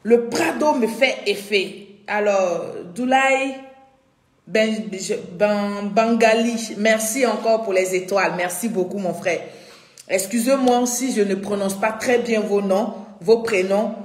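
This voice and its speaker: A woman's voice: medium pitch, takes it slowly. A woman hosting a live stream, chatting effusively with viewers and breaking into chanted refrains. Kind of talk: casual live-stream chat greeting viewers. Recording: roomy echo with faint music behind.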